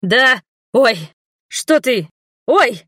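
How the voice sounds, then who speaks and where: A cranky, lecherous old male appraiser, voiced by a woman reading a fantasy audiobook. He grumbles and snaps in a slow, testy drawl. The sound is close and dry. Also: medium pitch, lively intonation, a bit bright, no room sound, natural voice. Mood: flustered.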